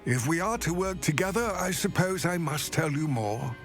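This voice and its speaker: An actor playing a grave, wary male goblin ally in video game dialogue, speaking in a formal, measured way. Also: fairly high pitch, expressive. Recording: game audio with loud music. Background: game music.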